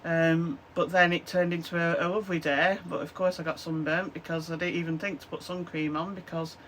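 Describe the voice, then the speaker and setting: In her small craft room a hoarse Lancashire woman in her fifties rambles to the close desk camera, chesty cough and "um, so yeah" fillers included. Her lowish voice is fairly bright, level in tone and fairly quick, and a little hiss or hum can be heard.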